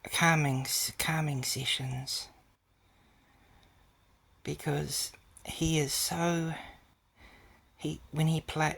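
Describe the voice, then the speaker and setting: A man's voice: mid-range voice, creaky, breathy edge. A man giving a casual video update, talking in a hesitant, rambling way with many fillers and restarts, and often dropping to a whisper. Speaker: vlogger.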